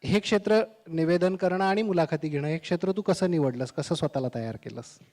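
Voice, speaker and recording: A man interviews a guest, asking his questions in a warm, teasing way. His voice sits fairly high, and a long hall reverb hangs behind it. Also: a little fast.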